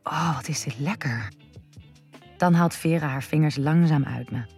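A woman narrating an erotic first-person story in a breathy, hushed, intimate voice that drifts into whispers. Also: sits low, a little slow, soft background music.

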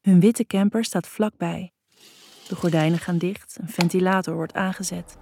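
A woman reading a scripted story in a soft, intimate, unhurried way with a husky voice. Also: fairly low pitch, steady tone, slight background noise. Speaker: narrator. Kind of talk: scripted erotic story narration.

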